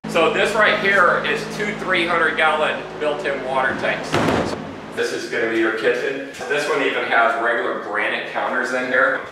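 Inside an underground bunker, a middle-aged man who owns the bunker company gives a tour, walking through the product in a casual, plain-spoken, salesman-like way. His voice sits at medium pitch at a normal speed, with echoey acoustics and faint background noise.

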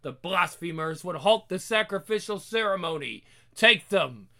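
A man's voice: high-pitched, expressive, normal speed, pushed and bright, heavily acted. A man playing a sinister cult leader at a sacrifice, menacing and grandiose in a horror story.

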